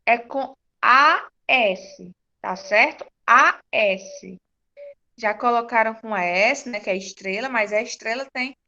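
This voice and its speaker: A woman teacher, giving a patient, slow-paced class to young children and confirming their answers. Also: a little high, sharp tone. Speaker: primary school teacher.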